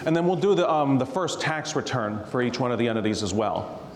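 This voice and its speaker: Here the tax attorney guest sounds brisk and expressive at medium pitch, chatting casually before a live audience about tax rules and anecdotes, laughing frequently. Hall reverb fills the recording, along with slight hiss or hum.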